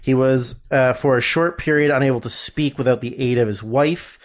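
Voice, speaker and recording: A man's voice: medium pitch, normal speed. A man co-hosting a casual podcast, rambling with lots of fillers and restarts while he looks things up. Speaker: podcast co-host.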